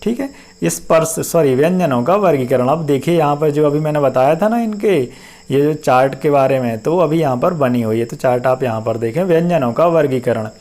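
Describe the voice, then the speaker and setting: A man teaching a class, who explains step by step, repeats each term, sounds out syllables slowly and often asks whether it is clear. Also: on the high side, expressive, darkish tone. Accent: Hindi-speaking North Indian. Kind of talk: classroom-style lecture.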